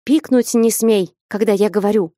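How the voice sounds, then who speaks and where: Woman narrator voicing a sharp-tongued young schemer who lectures a timid man; warm low-bright tone, pitch jumping up. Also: normal speed, no room sound, studio quality, close to an everyday voice. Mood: scolding. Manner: scolding, commanding, rising to high pitch. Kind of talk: audiobook character reading.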